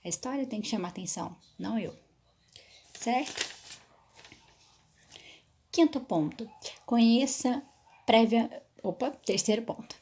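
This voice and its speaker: A woman's voice: a little high, lively intonation, measured pace, pauses often, darkish tone, a little hiss or hum. A woman teacher explaining storytelling tips step by step, often checking in with "certo?", and having some trouble with her voice. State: voice trouble, pauses to drink water.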